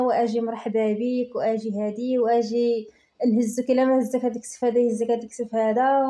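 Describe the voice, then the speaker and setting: A woman's voice: on the high side, mellow. A young woman with a Moroccan Arabic accent, giving earnest personal advice in a vlog and repeating phrases for emphasis. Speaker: vlogger.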